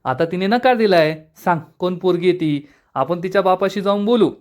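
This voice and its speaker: A man reading the lines of a jovial, eager older uncle who calls out loudly. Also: sits high, normal speed, natural voice.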